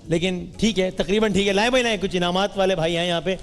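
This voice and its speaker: A man hosting a live studio quiz, teasing and bantering quickly with the audience. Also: high voice. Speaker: game show host. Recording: roomy hall with music and crowd.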